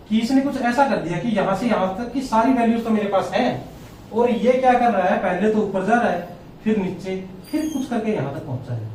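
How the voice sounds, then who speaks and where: A male math teacher lectures a class, explaining step by step and often checking that students follow. His voice is high-pitched with a darkish tone, and there's a little hiss or hum. He sounds far off in an echoey room.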